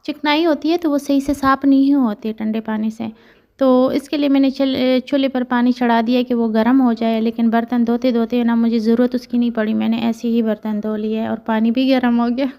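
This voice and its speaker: Chatty high-voiced vlogging mother. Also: level tone, normal speed, dull audio. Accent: Pakistani Urdu. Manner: chatty, rambling, many fillers. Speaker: family vlogger. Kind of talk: casual narration over household chores.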